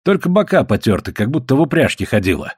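A man's voice: mid-range voice, very animated, fast, slightly rough, dry recording, clean studio sound. A man voicing a cheerful, burly fur trader who talks in a bluff, coaxing way. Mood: jovial.

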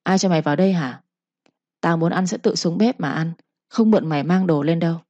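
A woman's voice: lowish voice, a little fast, a little mellow, no echo, lightly acted. A woman voicing a stern young male master who gives blunt, scolding orders. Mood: angry. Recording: slightly muffled recording.

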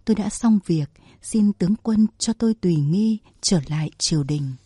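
A woman's voice: medium pitch, moderate pace, dark tone, slightly rough, no echo, studio quality, lightly acted. A woman voicing a frightened male court official who stammers in a flustered way, in a storybook reading.

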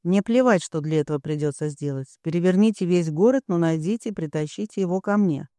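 A man's voice: on the high side, brisk, mellow, no room sound, close to an everyday voice. A man reading an audiobook, voicing a furious young man who growls threats.

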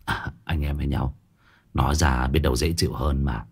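A man voicing a sly, smirking male head chef who quietly coaxes a coworker to open up. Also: steady tone, normal speed, slightly rough, heavily acted. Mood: sly coaxing. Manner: low, quiet, coaxing.

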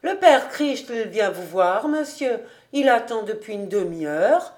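A woman's voice: on the high side, animated, takes it slowly, a little mellow. A woman voicing a dutiful female servant politely announcing a visitor in an audiobook.

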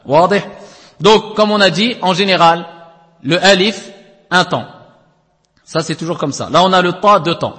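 A man's voice: high voice, normal speed, long pauses, a bit bright, in a large hall. A man teaching Quranic recitation rules in a classroom lesson, explaining step by step, checking understanding with frequent tag questions, and chanting letters at length.

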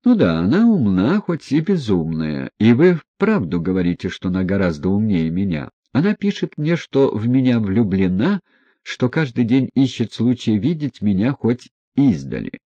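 A man reading an audiobook, voicing a proud, passionate young woman who presses with rapid, agitated questions. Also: fairly low pitch, sing-song, mellow, no room sound. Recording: dry, dull close recording.

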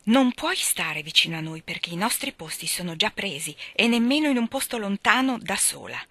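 A woman voicing a quick-tempered teenage girl who snaps curtly and scolds loudly, in a storybook reading. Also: mid-range voice, no room sound. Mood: impatient. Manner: curt, scolding and loud.

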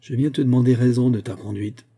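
A man's voice: mid-range voice, fairly quick, creaky, mellow, breathy edge. A man voicing a stern, earnest young man who speaks in a severe, clipped, indignant way.

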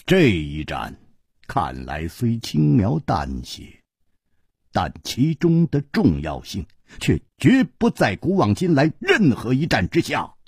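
A male storyteller narrates a wuxia tale with theatrical flair. His husky voice sweeps dramatically up and down at a slow, deliberate pace. The recording is dry and close. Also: mid-range voice, huge pitch swings, dry recording. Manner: theatrical, with sweeping rises and falls.

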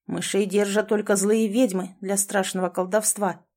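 A woman's voice: mid-range voice, flat delivery, normal speed, a little mellow, close to an everyday voice. A woman voicing a grumbling, gallant homeless male dog in a storybook reading.

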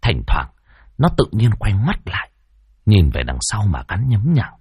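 A man narrating a spooky folk tale in a dramatic, expressive way. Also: on the low side, unhurried, slightly rough, no room sound, studio quality. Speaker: storyteller.

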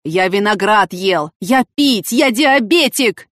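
A woman's voice: expressive, a little fast, dry recording, studio quality, lightly acted. A woman voicing an indignant, flustered male scientist protesting his innocence. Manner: protesting, high-strung.

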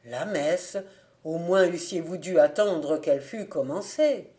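Woman playing a grave, gentle old village priest. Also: fairly low pitch, takes it slowly. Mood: stern. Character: village priest, older man, grave and kindly.

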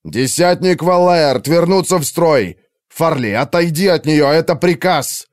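A man voicing a harried male commander shouting orders over a storm. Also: a little high, measured pace, no echo, clean studio sound, voice pushed up, natural voice. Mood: urgent.

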